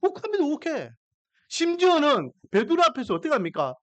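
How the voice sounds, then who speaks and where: Male pastor preaching; emphatic, animated pitch, dry close sound, keeps asking the congregation questions. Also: brisk, no room sound, muffled recording. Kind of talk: sermon.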